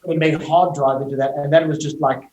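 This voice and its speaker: A middle-aged South African tech company executive gives fluent, explanatory interview answers as a guest over a video call, peppering them with "you know." His voice is on the high side with little pitch movement and a quick pace. The recording has roomy echo, cut-off highs, and a crowd in the background.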